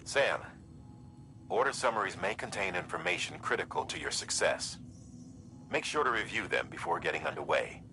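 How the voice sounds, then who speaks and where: A man's voice: low-pitched, expressive, moderate pace, sharp tone, a little hiss or hum. An actor playing a practical male support operator who gives a courier plain, matter-of-fact instructions in a video game. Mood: advising.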